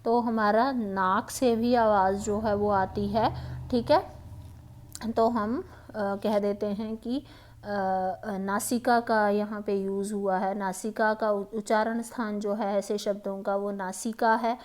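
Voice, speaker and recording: A woman with a Himachali Hindi accent, a teacher patiently explaining exam grammar questions, pausing often and checking in with the listener. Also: medium pitch, fairly even intonation, darkish tone. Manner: patient, repeats "ठीक है" and "है ना", many hesitations.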